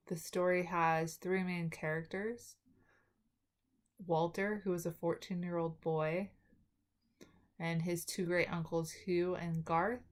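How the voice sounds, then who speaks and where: A woman talking with new dental braces, giving a halting spoken summary as a student presenter, often correcting herself. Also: fairly low pitch. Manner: halting, with self-corrections and trailing restarts. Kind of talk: spoken film summary for a class video.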